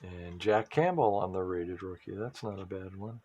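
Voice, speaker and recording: A man's voice: low voice, normal speed, mellow, dull audio, slight background noise. A man chatting casually while opening a pack of sports cards, rambling with restarts and trailing asides. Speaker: sports card collector and fantasy football vlogger.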